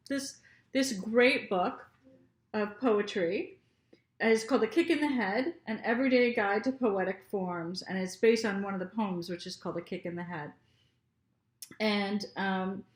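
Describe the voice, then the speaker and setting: Slow, gentle woman teaching children. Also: a little high, echoey room. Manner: slow, gentle and encouraging, asking children questions. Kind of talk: children's lesson with read-aloud.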